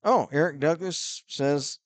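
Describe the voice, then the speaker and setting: Slow rambling hockey broadcaster, man. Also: on the high side, dry recording. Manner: rambling, many fillers, reads viewer messages. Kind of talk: casual play-by-play filler chat.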